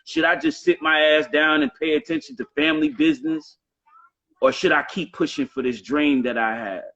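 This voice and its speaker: This Southern US rapper, in his late thirties, talks casually on his live show, emphatic and repetitive with lots of swearing. His voice is a little high and a bit bright, with fairly even intonation and a moderate pace. The recording is muffled.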